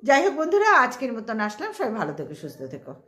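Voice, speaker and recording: A woman's voice: fairly high pitch, wildly swooping pitch, quick pace, fairly bright tone, reverberant. A woman vlogger talking casually to her camera at home, chatty and rambling with lots of fillers, earnestly pleading for harmony. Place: at home, family talking nearby.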